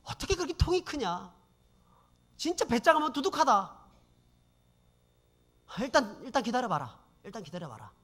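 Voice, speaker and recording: Man doing an older male boss, firm, commanding, high voice. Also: sing-song, normal speed, long pauses, fairly bright tone, exaggerated voice. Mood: admiring. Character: older male department head, protective and firm.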